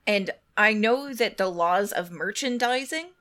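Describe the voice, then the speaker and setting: A woman co-hosting a casual chat, thoughtful and relaxed. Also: medium pitch, unhurried.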